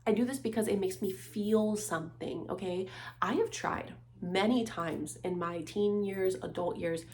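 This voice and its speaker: A woman in her twenties ranting in a casual monologue, sarcastic and animated, saying "like" constantly. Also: medium pitch, measured pace, a little hiss or hum. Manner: animated, sarcastic, heavy use of "like". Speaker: vlogger.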